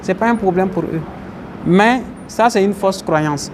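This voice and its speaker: A man's voice: high voice, measured pace, noisy background. A man teaching a religious class, explaining Arabic terms and questioning his listeners. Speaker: Islamic teacher. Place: mosque, faint outdoor traffic behind.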